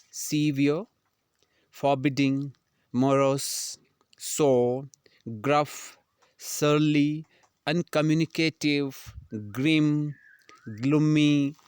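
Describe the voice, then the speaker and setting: A man's voice: medium pitch, no room sound. A man teaching vocabulary, spelling words out and checking that students follow. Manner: slow, deliberate teaching, spelling words out and asking "clear?". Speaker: English teacher. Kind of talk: vocabulary lesson in Hindi and English.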